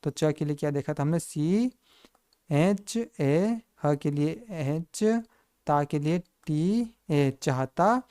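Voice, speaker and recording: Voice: mid-range voice, animated, takes it slowly, dark tone. A teacher giving a step-by-step spelling lesson, who keeps asking the listener questions and then answering them, and calls the listeners friends again and again.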